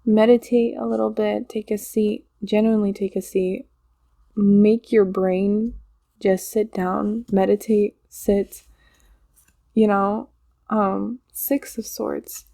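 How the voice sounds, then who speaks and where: A woman's voice: medium pitch, flat delivery, takes it slowly, gravelly, warm tone. A woman giving a casual channeled tarot reading, chatty and rambling, laughing often and repeating herself. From Poland. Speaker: tarot reader.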